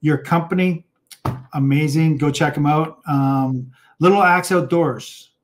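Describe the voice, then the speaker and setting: A man's voice: fairly high pitch, unhurried, slight background noise. A man hosting an interview show, chatting enthusiastically and casually, with lots of fillers and restarts. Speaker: podcast host.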